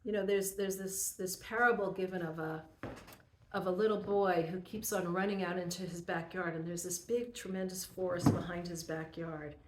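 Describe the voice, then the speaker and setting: A woman teaching a Torah class to a group, retelling stories and parables in an earnest, animated way. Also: on the low side, moderate pace, a little hiss or hum. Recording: roomy echo.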